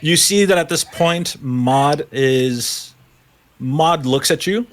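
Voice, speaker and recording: A man's voice: a little high, takes it slowly. A man running a tabletop game as game master, narrating loosely with many fillers.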